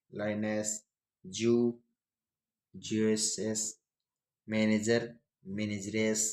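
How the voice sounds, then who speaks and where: A man teaches a grammar lesson at an unhurried, very slow pace. His voice sits a little low. He spells words out letter by letter and puts questions to his class.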